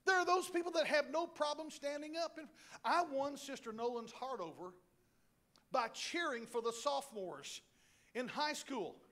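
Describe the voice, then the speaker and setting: A middle-aged male pastor preaching a sermon in a church, animated and joking, with asides to the congregation. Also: very high voice, moderate pace. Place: church sanctuary.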